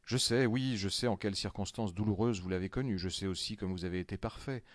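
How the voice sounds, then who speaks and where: A man's voice: fairly low pitch, fast talker, no echo, studio quality, close to an everyday voice. A man reading a story aloud, voicing an effusive, grateful middle-aged male notary in a raised voice. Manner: effusive, earnest.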